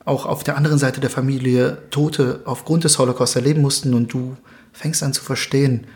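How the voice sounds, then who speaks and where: A young man from Germany, speaking as an interview guest in a thoughtful, measured way with occasional hesitations. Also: medium pitch, fairly even intonation, darkish tone. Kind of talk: earnest interview conversation.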